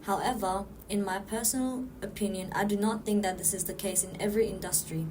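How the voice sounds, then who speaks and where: A woman from Nepal reads her prepared answers for a student podcast. She sounds earnest and keeps close to her notes, at a middle pitch. A clear noise bed runs under the recording. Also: steady tone, fairly quick.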